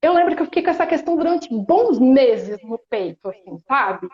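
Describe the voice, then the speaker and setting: A woman in her thirties from Espírito Santo, Brazil, speaking with that region's Brazilian Portuguese accent, guests on a casual live stream. Her darkish voice sits high and swings widely in pitch as she talks earnestly and reflectively, pausing and restarting often. The audio, from a phone or laptop on a video call, sounds roomy and dull.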